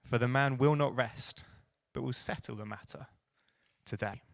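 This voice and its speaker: A man's voice: mid-range voice, normal speed, vocal fry, fairly bright tone, dry recording. A man preaching a sermon, reading scripture and adding playful asides and emphatic repetition.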